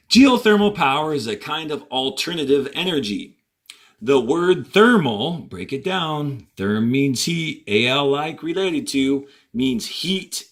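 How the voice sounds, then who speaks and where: In a medium-pitched voice, a man who teaches fourth grade reads from a textbook, putting deliberate emphasis on important words and slipping in short instructional comments.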